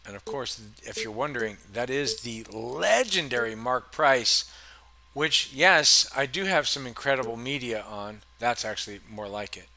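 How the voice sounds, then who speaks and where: A man's voice: mid-range voice, moderate pace, gravelly, pushed and bright. A man casually commenting on a basketball video game, laughing often and rattling off player stats. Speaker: gaming channel host.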